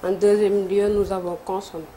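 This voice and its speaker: A woman's voice: mid-range voice, level tone, moderate pace, warm tone, slight background noise. A woman with a Senegalese French accent answering as a quiz contestant, hesitant, with fillers. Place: TV studio.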